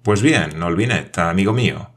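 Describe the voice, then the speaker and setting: A lanky, absent-minded foreign traveler, as a low-voiced man puts him on, chatters without pause and fires off one question after another. He is eager and keyed up, pitched a little above the reader's own deep voice, and jumps from one topic to the next. A storybook figure, bustling and distracted. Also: expressive. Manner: rapid-fire questions, hops between topics.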